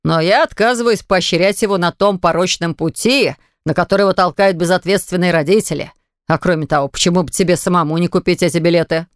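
A woman's voice: on the low side, fast, no room sound, studio quality, pitched below the performer's own voice, natural voice. A woman reading aloud voices a stingy, pompous male neighbor who speaks in a mocking, sanctimonious way.

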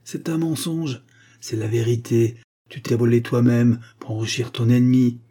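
A man's voice: mid-range voice, fairly even intonation, normal speed, dark tone, lightly acted. A man voicing a sly, scheming lawyer with a sneering manner. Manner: smooth then sneering.

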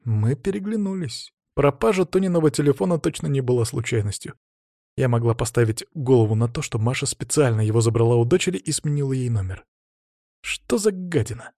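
A man's voice: mid-range voice, fast, warm tone, dry recording. Man reading a novel aloud, dry sound. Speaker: audiobook reader. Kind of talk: scripted narration.

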